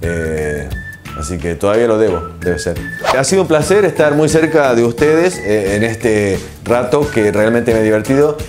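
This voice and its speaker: A man in his forties, a TV host and producer, answers interview questions with an Argentine Spanish accent, sounding relaxed and reflective and pausing often with fillers. His voice sits fairly low. He's recorded on a lapel mic in a small studio, with music playing in the background.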